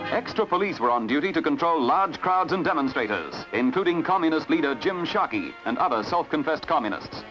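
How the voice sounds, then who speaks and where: A man's voice: fairly high pitch, lively intonation, a little fast, hardly any pauses. A man narrating an old 1950s newsreel in a formal, declamatory manner. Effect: old newsreel soundtrack. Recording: dull lo-fi newsreel sound with music. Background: music.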